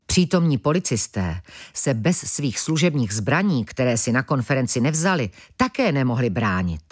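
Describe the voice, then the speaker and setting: A woman narrating a children's audiobook in a lively, expressive storytelling manner. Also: a bass voice, husky.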